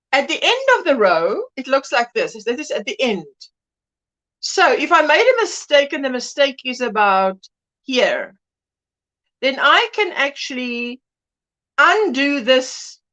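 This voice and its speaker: A livestream host with a high-pitched, slightly bright voice runs a casual crochet stream. She is drowsy from pain tablets yet chatty, greeting viewers by name and switching between English and Afrikaans, the mixed language of her home.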